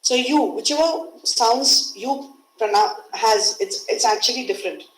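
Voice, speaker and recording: A woman's voice: on the high side, unhurried. Indian woman teaching on an echoey call. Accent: Indian English. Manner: explains patiently, repeats key words. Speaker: English teacher. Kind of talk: webinar lecture. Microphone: video call.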